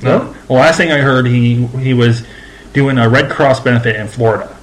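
A man's voice: mid-range voice, steady tone, normal speed, poor audio. Laid-back man telling stories, faint noise. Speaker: podcast co-host. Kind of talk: casual chat.

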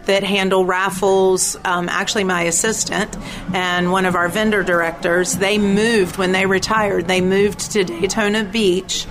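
Female nonprofit executive giving an interview at a racetrack, mid-range voice over clearly audible ambience. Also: medium pitch, level tone, unhurried, background noise. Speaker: interview guest, nonprofit CEO. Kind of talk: enthusiastic explanatory interview talk. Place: at a speedway during race events.

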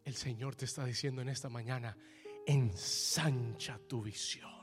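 A man's voice: medium pitch, steady tone, normal speed, music in the background. A man preaching a fervent sermon as pastor, calling on the congregation to repeat after him and echoing his lines in English.

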